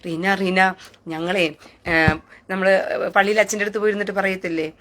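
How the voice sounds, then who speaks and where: A woman's voice: mid-range voice, steady tone, brisk. A woman hosting a live stream, taunting and scornful, who keeps asking jeering questions. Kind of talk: mocking live rant.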